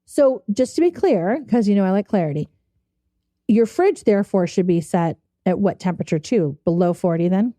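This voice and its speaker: Laughing, lively woman podcast host. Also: mid-range voice, moderate pace, dry recording, clean studio sound. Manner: laughs often, animated and chatty. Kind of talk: casual chat.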